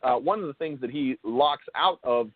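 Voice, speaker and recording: A show host interviewing a guest talks through ideas unscripted, his mid-range male voice carried by thin, phone-like call audio with no room sound. He halts often, repeats and rephrases himself, and hits key words with emphasis.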